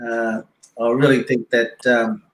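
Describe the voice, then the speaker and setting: An Australian man talks in a relaxed, rambling way, full of "you know" and restarts. His voice sits at an ordinary pitch. The sound bounces around an echoey room. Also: unhurried, a little hiss or hum. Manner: laid-back, rambling, many fillers. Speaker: guest. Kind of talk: casual yarn on a live stream.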